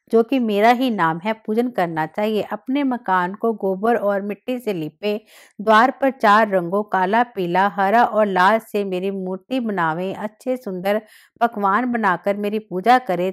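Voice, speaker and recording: Female narrator, mid-pitched, steady recitation of devotional scripture. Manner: steady recitation with occasional slips and restarts.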